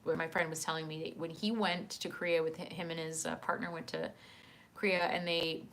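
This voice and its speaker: A woman casually chatting on a live stream, reading out chat messages, laughing often and filling pauses with "um" and "uh", speaking into a desk microphone. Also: deep voice, flat delivery, a bit bright. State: hiccuping.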